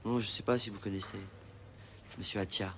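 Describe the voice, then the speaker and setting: An actor playing a young, eager male salesman with a smooth, pleading sales patter. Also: fairly low pitch, fairly even intonation, brisk, fairly bright tone, slight background noise, close to an everyday voice.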